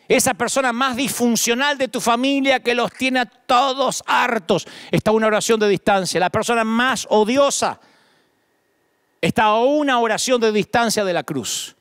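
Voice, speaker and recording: A middle-aged Argentine pastor preaches with insistent, rhythmic emphasis, stacking phrase on phrase. His voice sits high for a man. The sound is close and dry, with no room around it. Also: moderate pace, a bit bright, smooth, no echo. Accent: Argentine Spanish. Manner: emphatic preaching, builds lists with rising repetition. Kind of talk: sermon.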